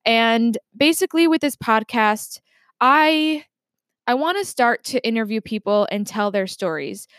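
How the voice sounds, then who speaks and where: A woman's voice: fairly high pitch, animated, unhurried, a bit bright, no echo, studio quality. A woman in her twenties hosting a casual solo podcast, chatty and reflective, often restarting her sentences. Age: 20s. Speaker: podcast host. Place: home desk.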